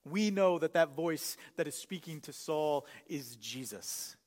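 A man's voice: fairly high pitch, expressive, measured pace. Preaching man in a reverberant hall. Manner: earnest preaching that swells louder and drops to a hush. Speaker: pastor. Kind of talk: sermon. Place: church sanctuary.

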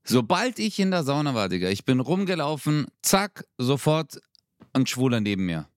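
A young man chatting casually on a podcast, telling an animated story with street slang. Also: medium pitch, normal speed, no room sound, studio quality. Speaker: podcast co-host. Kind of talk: casual chat.

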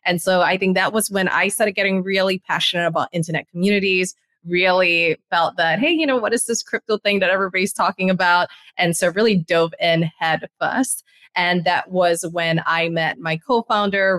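A chatty woman from Singapore, answering as a podcast guest. Her voice sits on the lower side, and the recording is dry and close. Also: a bit bright, dry recording. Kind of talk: interview answers.

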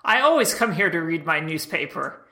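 A podcaster voicing a stiff angel man who awkwardly fakes being human, in a flat robotic delivery. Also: medium pitch, normal speed. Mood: stilted. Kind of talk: podcast TV recap chat.

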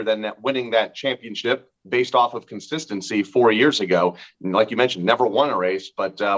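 Casting: steady male co-host, mid pitch, a little lo-fi, informative racing recap. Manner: steady, informative, some fillers. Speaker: podcast co-host.

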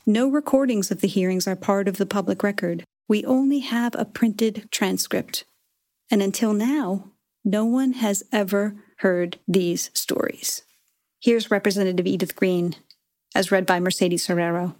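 A woman hosting and narrating a documentary podcast in a measured, clear storytelling manner. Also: medium pitch, steady tone, darkish tone. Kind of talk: scripted narration.

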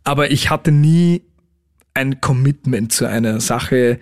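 A man's voice: mid-range voice, slow. A man, a pop musician talking casually in an interview and mixing English words into his speech. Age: late 20s.

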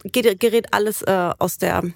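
A woman co-hosting a podcast, chatting casually with her husband and telling lively, animated family anecdotes in a studio. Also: medium pitch, normal speed, creaky, no echo. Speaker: podcast co-host. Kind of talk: casual chat between spouses. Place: radio studio.

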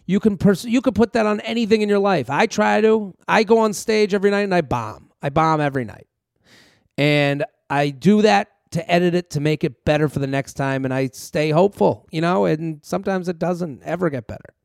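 A man with a high voice and plenty of fry delivers a casual solo podcast monologue. He rambles conversationally and addresses listeners directly, sounding clean and very dry. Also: fairly quick, no echo. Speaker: comedian podcast host.

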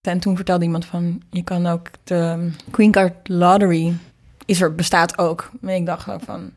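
This woman's voice sits on the low side, darkish in tone, level, and at normal speed. She's a singer and producer from the Netherlands, musing aloud and explaining things informally in a casual interview conversation.

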